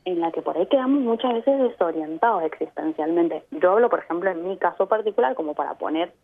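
A Mendoza-born Argentine woman, interviewed by phone on the radio, talks fast in a lowish, expressive, creaky voice with an Argentine Spanish accent. As an immigrant recounting her experience, she speaks thoughtfully, lays out her points, and keeps checking in with brief tag questions. The phone audio is tinny.

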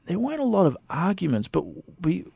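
A man's voice: high voice, sing-song, a little fast, creaky, warm tone, husky, dry recording, clean studio sound. An Australian man, a documentary filmmaker, chatting enthusiastically in a radio interview, with lots of fillers and restarts.

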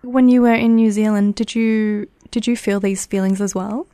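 A young woman interviews in a laid-back way, with fillers scattered through her speech. Her tone is dark and warm, with gravelly fry, and the recording is close and dry. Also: medium pitch, moderate pace, no room sound. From Australia. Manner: relaxed, uses many fillers. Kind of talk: casual interview questions.

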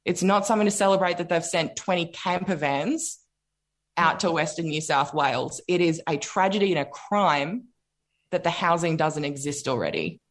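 Low-pitched, emphatic Australian woman. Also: animated, normal speed. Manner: emphatic, indignant, repeats phrases for weight. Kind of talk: impassioned political discussion.

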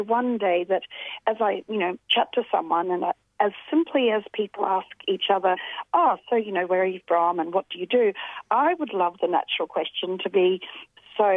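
A woman in her 40s with a medium-pitched voice talks as an interview guest on a call. The line is tinny and dry without echo, and she thinks aloud reflectively, often restarting and using fillers.

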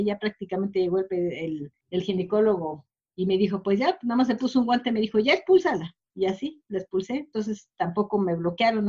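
A woman's voice: mid-range voice, breathy edge. A woman, recounting a personal experience in an interview with emotional, searching speech and frequent fillers. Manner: warm, emotional, many fillers. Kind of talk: personal storytelling. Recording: slightly dull lo-fi audio.

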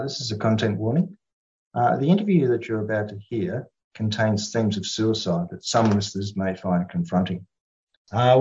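A man's voice: on the low side, a little mellow, slight background noise. An Australian man hosting a community radio interview in a plain, informal and slightly hesitant way. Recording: dull, lo-fi radio audio.

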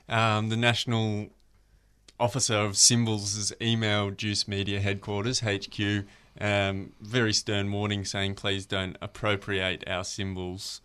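A man hosting a radio interview, measured and a little hesitant. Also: lowish voice, a bit bright, clear, resonant tone. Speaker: radio host.

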